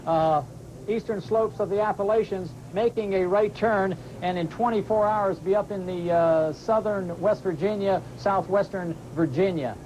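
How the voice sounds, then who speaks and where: High-voiced male forecaster, noisy background. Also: moderate pace, darkish tone, dull audio. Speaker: hurricane forecaster. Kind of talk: interview answers, explanatory forecasting.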